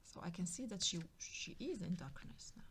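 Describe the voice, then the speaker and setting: A woman's voice: lowish voice, sing-song, moderate pace, a bit bright, slightly rough. A woman giving a spiritual tarot reading, musing and repeating herself, now and then dropping into a whisper. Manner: musing, repetitive, drops into whispers. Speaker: tarot card reader.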